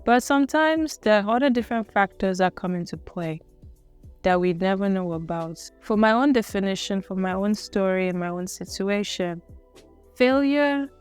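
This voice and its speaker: A woman's voice: mid-range voice, expressive, normal speed, clean tone, soft background music. A young woman from Cameroon telling her own college story in a casual, earnest, reflective way, often musing and correcting herself. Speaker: vlogger.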